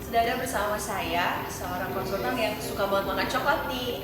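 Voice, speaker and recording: A woman hosting a casual explainer interview, chatty and quick with informal questions. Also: mid-range voice, far from the mic, over a noisy crowd. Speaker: interview host. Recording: echoey hall, loud background music.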